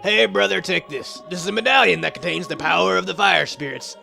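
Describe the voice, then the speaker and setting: A man's voice: high voice, fairly quick, vocal fry, pushed and bright, exaggerated voice. Darunia, a man doing a throaty rock chieftain. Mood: proud brotherly. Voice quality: strained, throaty put-on voice. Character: burly male rock-creature chieftain, proud and brotherly. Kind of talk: reading game dialogue aloud in a voice. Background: game music.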